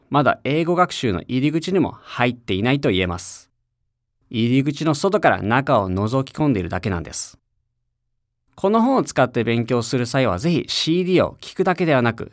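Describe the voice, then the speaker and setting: A man's voice: medium pitch, no echo. Encouraging male teacher, dry studio voice. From Japan. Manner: encouraging, coaxing the listener to repeat aloud. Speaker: English teacher. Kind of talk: scripted lesson narration for an audio CD.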